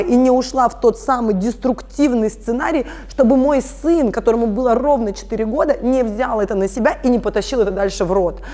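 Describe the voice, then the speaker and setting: Her voice sits on the high side and is a little mellow as this thirty-something family constellations facilitator explains her work. She is earnest and explanatory in the conversational interview and speaks directly to the audience.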